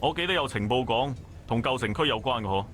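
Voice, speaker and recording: A man's voice: mid-range voice, fast, fairly bright tone, soft background music, natural voice. A man voicing a stern, demanding police superior in a visual novel, curt in manner.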